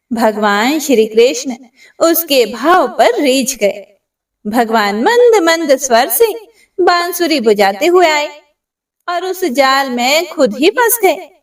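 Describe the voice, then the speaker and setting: A woman narrating a devotional story in a gentle way, addressing devotees directly. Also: high-pitched. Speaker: religious storyteller. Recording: voice distant from the mic.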